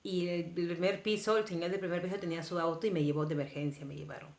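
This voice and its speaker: A woman from Peru, telling a personal story to camera in an earnest, emotional way, her volume swinging between soft and intense. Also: fairly low pitch, fairly even intonation, fast talker. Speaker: vlogger. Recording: roomy echoing room.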